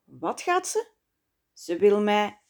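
A woman's voice: medium pitch, very animated, takes it slowly, a little mellow. A woman voicing a breathless, surprised young woman, her voice rising in short exclamations. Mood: breathless wonder.

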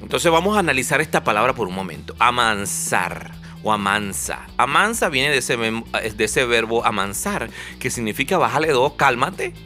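Male vlogger, bright edgy voice, chatty comic delivery over soft music. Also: medium pitch, big pitch swings, normal speed. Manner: joking, conversational, with frequent fillers and asides. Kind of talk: humorous casual monologue.

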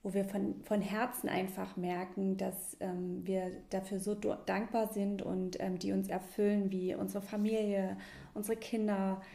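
Female podcast host, informal and searching delivery full of ums, some vocal fry, roomy sound. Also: medium pitch, flat delivery, warm tone. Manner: hesitant, searching, frequent ums and pauses. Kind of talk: informal spoken introduction to a meditation. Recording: roomy echo, ambient music bed.

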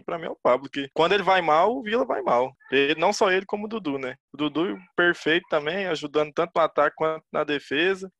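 A man's voice: fairly high pitch, a bit bright, no echo. A Brazilian man chatting casually as a football panelist, slangy and free with swearing. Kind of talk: casual chat, match analysis.

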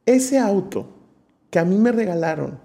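A man's voice: sits high, a little slow, creaky. A man, a preacher telling a personal testimony in an interview, acting out the voices he quotes. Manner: lively storyteller who acts out quoted voices. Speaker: preacher, guest.

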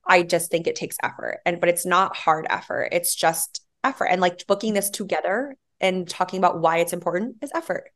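A woman in her thirties, born in Hawaii and later raised in Arizona, joins a podcast as a guest for a casual conversational interview. Her somewhat low voice comes across relaxed and chatty, animated and peppered with fillers and quick laughs.

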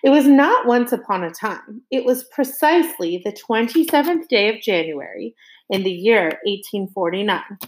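A woman reading a children's novel aloud in a lively way, slowing down for emphasis and turning to her young listeners with questions. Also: mid-range voice. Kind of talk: expressive read-aloud of a novel.

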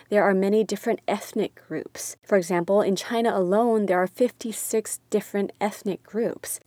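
A woman's voice: medium pitch, dark tone, no echo. A young woman from the United States giving candid, wry personal commentary. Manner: candid, wry, exasperated at times.

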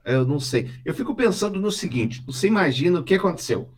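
A man's voice: on the high side, big pitch swings, quick pace. A man with a Brazilian accent hosting a casual comedy podcast, sarcastic and fond of spinning made-up scenarios. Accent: Brazilian Portuguese. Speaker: podcast host.

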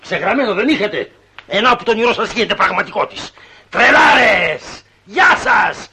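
A man's voice: high voice, lively intonation, breathy edge, full character voice. An actor playing a middle-aged husband who rants and stammers about his money in an old comedy film. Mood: bitter. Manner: shouting, stammering, theatrical outbursts. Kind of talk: 1960s comedy film acting.

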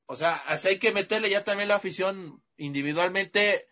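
Mexican guy on a football talk show, kinda high and bright, talks fast, dull lo-fi audio. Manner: quick, conversational, asks his co-host questions. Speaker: sports show co-host.

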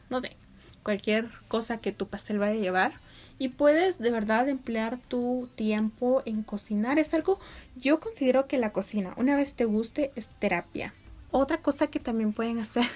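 Her fairly high, slightly mellow voice carries an upbeat, casual tone as the young Spanish-speaking vlogger talks to viewers from her home room. Outside, the neighbors' animals make noise.

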